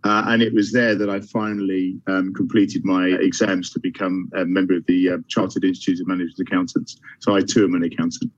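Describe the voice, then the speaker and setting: A man's voice: low-pitched, flat delivery, fairly quick, few pauses, no echo. A man, a finance director, cheerfully introducing himself on a panel with a few restarts. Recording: dry, dull video call audio.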